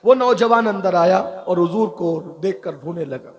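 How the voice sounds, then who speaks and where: Brief: high-pitched male preacher, emphatic and repetitive sermon storytelling. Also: measured pace. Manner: repetitive, emphatic, addresses the audience. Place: live religious gathering.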